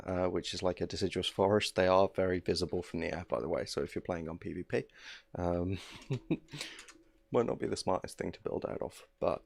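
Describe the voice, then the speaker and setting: Male streamer, 30s, deep with vocal fry; loose, filler-heavy, relaxed chat at a home desk mic. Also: no echo. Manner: rambling, filler-heavy, easygoing. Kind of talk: casual gameplay commentary.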